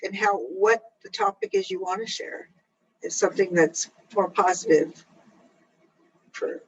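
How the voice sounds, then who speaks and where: A woman painter talking informally about her own art as a panel guest, in a halting, meandering way. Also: mid-range voice, very animated, vocal fry, husky. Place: online video call. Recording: noisy, muffled video call audio.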